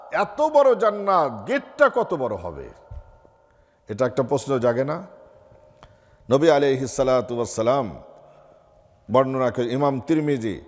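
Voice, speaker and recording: A man's voice: mid-range voice, a little mellow, big-room sound. A man giving a sermon as a mufti in a mosque, asking his listeners rhetorical questions and reciting Arabic before explaining it. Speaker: mufti preaching. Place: mosque hall.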